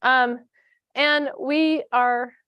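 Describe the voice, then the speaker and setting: A woman's voice: sits high, steady tone, drawn-out words, clear, resonant tone, dry recording, muffled recording. A woman from a nonprofit giving a conference presentation, talking in a chatty way with many fillers and restarts. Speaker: foundation staff presenter.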